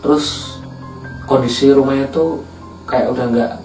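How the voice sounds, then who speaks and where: A man's voice: medium pitch, unhurried, darkish tone, distant mic, soft background music. Man telling a horror story for a podcast, chatty, echoey room, sits back from the mic. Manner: chatty, addresses listeners as guys. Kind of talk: casual horror story narration.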